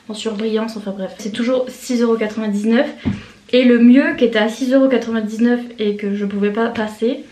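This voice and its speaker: A woman's voice: a little high, darkish tone, echoey room. A young woman chatting to camera at her desk at home, rambling and giggly, with lots of fillers. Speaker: vlogger. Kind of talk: casual chat to camera.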